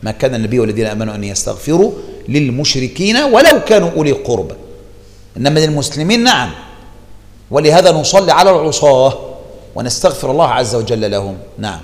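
Gravelly, quick Egyptian teacher in a hall. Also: male voice, medium pitch. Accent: Egyptian Arabic. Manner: animated teaching, repeats key phrases for emphasis. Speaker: religious teacher. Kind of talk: explaining a classical text in a lesson.

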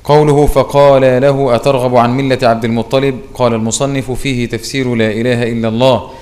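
A man's voice: medium pitch, little pitch movement, fast talker, darkish tone, big-room sound. A man, a student, reading a classical religious text aloud in a formal recitation during a lesson.

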